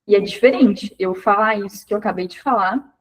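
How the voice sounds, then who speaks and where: A young woman giving an animated, conversational devotional talk to women. She speaks straight to her listeners and calls them by name. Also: medium pitch, brisk, low-quality recording. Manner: animated, acts out voices and sounds to illustrate points.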